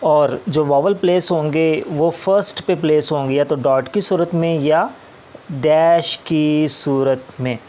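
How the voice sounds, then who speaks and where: A man's voice: on the high side, fairly even intonation, unhurried, darkish tone. A man teaching shorthand step by step, patient and repetitive, often opening with "ji". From Pakistan. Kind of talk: slow step-by-step classroom explanation.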